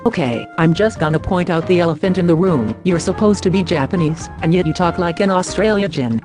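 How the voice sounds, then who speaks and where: A woman's voice: on the low side, animated, brisk, music in the background, close to an everyday voice. A woman doing a rowdy older firecracker. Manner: brash, rough.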